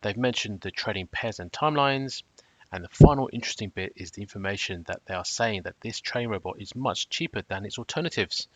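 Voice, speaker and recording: Man, low-ish voice, scripted review narration, measured and cautionary, dry close mic. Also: fairly bright tone, no room sound. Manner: measured, matter-of-fact, cautionary. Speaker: trading robot reviewer.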